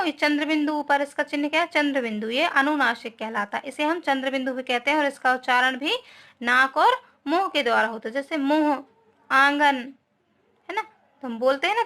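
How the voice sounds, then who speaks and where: Bright high-voiced woman teaching grammar. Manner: explains patiently with frequent tag questions; mixes English words into Hindi. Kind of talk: online class lesson.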